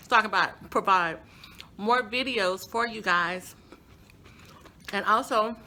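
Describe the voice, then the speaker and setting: A woman's voice: medium pitch, sharp tone, slight background noise. A woman hosts a casual cooking vlog, chatting and laughing at herself while tasting her food. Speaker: cooking channel host.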